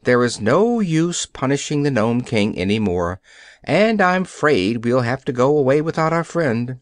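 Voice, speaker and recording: A man's voice: mid-range voice, expressive, measured pace, no room sound, studio quality, lightly acted. A man voicing a determined young girl in a storybook, speaking firmly.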